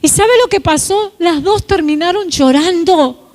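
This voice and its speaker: A woman's voice: extremely high pitch, measured pace, darkish tone. A woman preacher, telling a testimony and leading a fervent prayer. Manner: fervent, storytelling then praying. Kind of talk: sermon with story and closing prayer.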